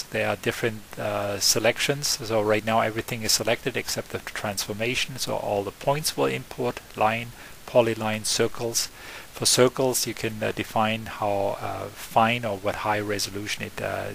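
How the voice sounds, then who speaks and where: A man giving an unscripted, step-by-step software tutorial, often pausing with fillers and correcting himself. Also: on the low side, vocal fry, a little hiss or hum, rough recording. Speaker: software trainer. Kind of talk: screen-recorded software tutorial.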